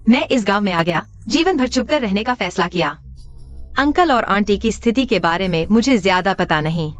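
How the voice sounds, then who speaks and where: A woman dubbing a caring young woman in a drama, with a soft, concerned manner. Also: mid-range voice, animated, normal speed, faint music behind, lightly acted. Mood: subdued. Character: gentle, caring young woman, the hero's fiancée. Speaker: dubbing actor. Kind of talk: dubbed drama acting.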